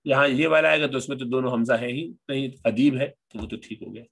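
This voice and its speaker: A man's voice: mid-range voice, fairly quick, gravelly, a bit bright, breathy edge. A man teaching an Arabic grammar lesson, patiently repeating each word form as he explains it.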